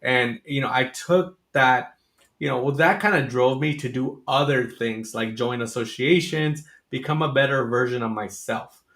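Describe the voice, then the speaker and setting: A man's voice: mid-range voice, normal speed, fairly bright tone. A man hosting an interview, telling a personal story candidly with plenty of fillers and restarts. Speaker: host. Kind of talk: conversational interview. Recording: echoey room.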